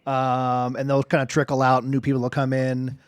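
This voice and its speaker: A male game master narrates a tabletop scene in a casual, slangy way. His voice sits at a middling pitch and is captured very dry. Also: monotone, fairly quick, smooth, no echo. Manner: informal, slangy.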